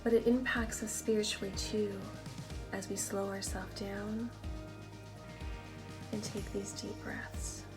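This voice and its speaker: A woman guiding a slow breathing prayer in a soft, hushed, breathy delivery with long pauses. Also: mid-range voice, level tone. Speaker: spiritual practice guide. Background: music.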